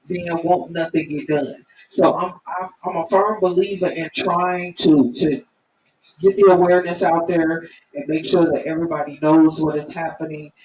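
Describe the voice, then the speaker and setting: A middle-aged or older woman, hosting a live stream in an earnest, halting, emphatic way. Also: on the low side, a little mellow. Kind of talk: informal spoken commentary to viewers. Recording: roomy, distant mic, faint noise.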